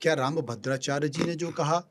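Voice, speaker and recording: A man's voice: a little high, normal speed. Probing male podcast interviewer. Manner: probing, with frequent listening hums.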